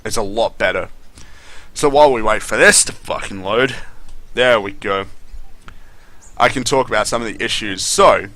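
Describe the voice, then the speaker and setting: A man's voice: on the low side, moderate pace, pauses often, sharp tone, dry recording. A man doing casual gameplay commentary, complaining and swearing in a disgruntled way. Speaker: gaming commentator.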